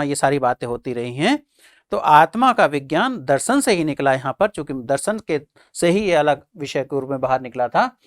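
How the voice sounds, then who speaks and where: A man's voice: fairly high pitch, dry recording, studio quality. A male teacher giving an exam-prep lecture, who keeps posing questions and answering them himself, repeating the key points and calling his listeners friends and children.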